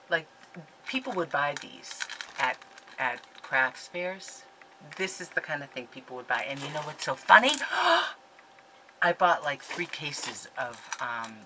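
This scrapbooking vlogger in her fifties has a bass voice that comes across pushed and bright, captured on a desk webcam in a rough recording with a bit of hiss or hum. Indoors in her home craft room, she gushes and rambles while showing supplies in a chatty haul video.

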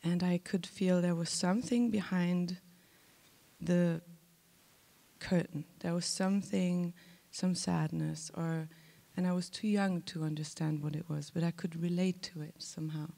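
Candid woman with a gravelly, flat voice. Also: lowish voice, unhurried. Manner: candid, playful, self-deprecating, restarts. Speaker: actress. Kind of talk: festival panel talk. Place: large theater stage. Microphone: handheld mic.

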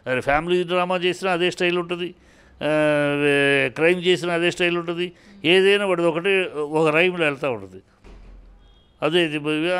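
A man's voice: a little high, fairly bright tone, clear, resonant tone. A man giving heated spoken commentary in an interview, scolding and indignant, firing off rhetorical questions and often restarting his sentences.

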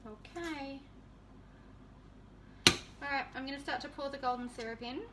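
A woman's voice: sits high, normal speed, recorded from a distance, heavy background noise. A woman in her thirties chatting casually to viewers as she cooks in her home kitchen. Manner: chatty, easygoing, talks to viewers while cooking. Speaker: home cooking vlogger. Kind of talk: casual cooking demonstration.

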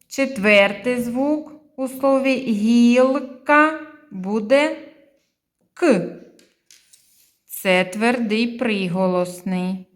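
Slow, deliberate woman teaching phonics. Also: on the high side, reverberant. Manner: slow, deliberate, sounding out syllables and sounds. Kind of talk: phonics lesson for young children.

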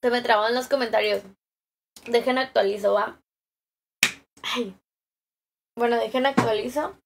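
A young Mexican woman with a high, light voice hosts a relaxed live stream. She chats casually and greets each viewer by name, often breaking into easy laughter. She speaks close to her phone camera, indoors at home. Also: measured pace, gravelly, a little hiss or hum. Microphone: phone camera held close.

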